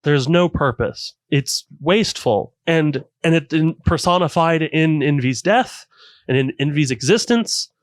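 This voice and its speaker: A man co-hosting a casual anime podcast, retelling scenes with animated enthusiasm. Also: on the high side, a little slow, no echo. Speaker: podcast co-host.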